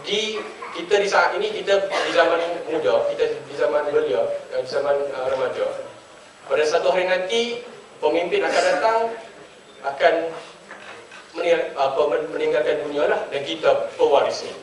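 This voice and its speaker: A man's voice: fairly high pitch, lively intonation, normal speed, far from the mic. A young man from Penang with a Penang Malay accent moderating a student forum, hesitant with many fillers and light jokes. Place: large echoing hall. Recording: echoey hall, voice from afar.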